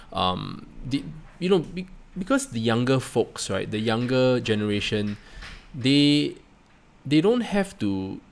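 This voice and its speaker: This personal finance channel host is a middle-aged, Singaporean-accented man whose lowish voice carries plenty of fry. His casual reflections come out halting, with stumbles over repeated words and frequent check-in tags like "right?" and "you know."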